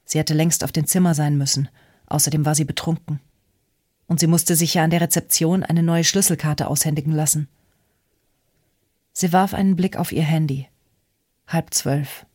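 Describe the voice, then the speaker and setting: An audiobook narrator reading a novel in an even, measured way. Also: medium pitch, no echo, studio quality. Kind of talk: scripted narration.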